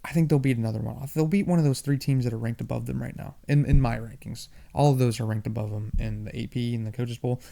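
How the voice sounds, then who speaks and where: A young man hosting a sports podcast, talking fast and animated in a casual monologue, often repeating himself. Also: mid-range voice, vocal fry. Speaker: podcast host.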